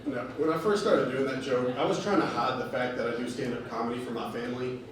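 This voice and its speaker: A man doing a stand-up comedy set in a bar, telling stories with deadpan delivery. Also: medium pitch, quick pace, a crowd in the background. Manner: deadpan storytelling with acted quotes. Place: bar stage with laughing audience. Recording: echoey bar room from far off, noisy.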